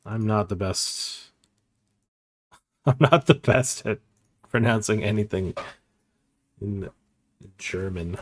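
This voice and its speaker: A man's voice: fairly low pitch, slow pace, long pauses. A man streaming online poker, thinking aloud in casual, self-mocking commentary and swearing freely.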